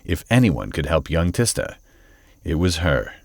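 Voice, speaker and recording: A man narrating a fantasy audio drama in measured, scripted storytelling. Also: a bass voice, sing-song, vocal fry, no room sound, full character voice.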